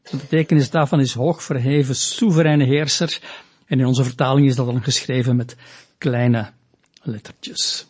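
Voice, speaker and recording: A man preaching a teaching sermon, slow and deliberate, voicing quoted lines with rising emphasis. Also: medium pitch, steady tone, a little mellow, breathy edge.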